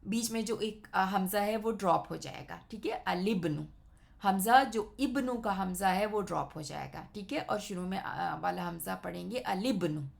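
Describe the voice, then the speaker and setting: A woman's voice: medium pitch, creaky. A woman teaching an Arabic grammar lesson, explaining patiently step by step and checking in often with her listeners.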